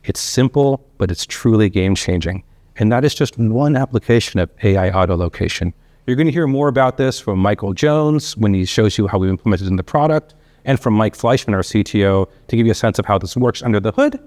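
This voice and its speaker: A company CEO delivers a keynote product presentation with polished corporate enthusiasm, conversational and built from short punchy phrases and rhetorical questions. His voice is on the low side and darkish, recorded dry.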